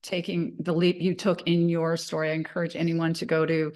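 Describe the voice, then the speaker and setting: A woman's voice: low voice, level tone, a little fast, darkish tone. A woman hosting an interview, talking in an enthusiastic, chatty way with many fillers. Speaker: interview host. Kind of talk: casual interview talk.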